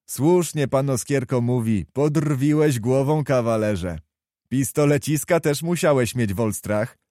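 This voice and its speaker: A man voicing a smiling male officer who taunts calmly and wryly. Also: mid-range voice, measured pace, no echo, clean studio sound, natural voice. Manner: wry, taunting.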